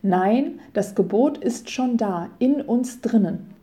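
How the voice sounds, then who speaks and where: Middle-aged woman preacher, deep mellow warmth, calm measured sermon delivery. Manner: calm, measured reading with solemn scripture quotes. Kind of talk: scripted radio devotion.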